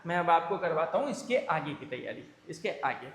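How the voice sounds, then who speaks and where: High-voiced male teacher in an echoey classroom. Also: big pitch swings, brisk. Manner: playful, jokey, calls students "beta". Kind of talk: classroom lecture with comic mnemonics. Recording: echoey classroom with long reverb.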